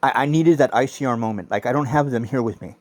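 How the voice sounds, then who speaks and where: A man's voice: medium pitch, quick pace, no room sound. Intense profane man. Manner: profane, intense, argues with himself. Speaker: vlogger. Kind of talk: rambling personal monologue.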